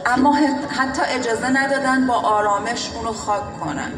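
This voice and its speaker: A woman's voice: a little high, very fast. A woman from Iran giving grave, grieving testimony about her brother's death as a bereaved sister at a public event. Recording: echoey hall with music.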